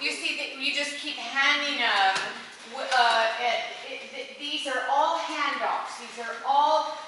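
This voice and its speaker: A woman's voice: high voice, measured pace. A woman directing a women's chorus rehearsal, encouraging and repetitive, often stumbling over her words. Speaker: choir director. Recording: echoey hall, voice from far off, noisy.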